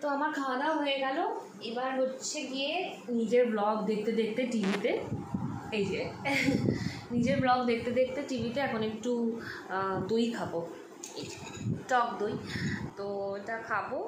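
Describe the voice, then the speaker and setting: A woman's voice: on the high side, moderate pace, long pauses, background noise. A young woman from West Bengal chatting casually to her viewers as she shows her home and daily routine. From West Bengal, India. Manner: chatty, showing things to viewers. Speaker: vlogger. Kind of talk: casual home vlog narration.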